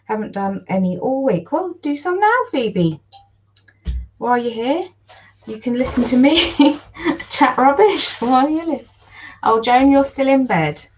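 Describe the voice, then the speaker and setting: A woman with a Geordie accent, slightly croaky, chatting in a rambling casual way while she irons during a livestream at home, greeting viewers by name. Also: sits high, animated, measured pace, lo-fi sound. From North East England. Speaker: livestream host and online seller.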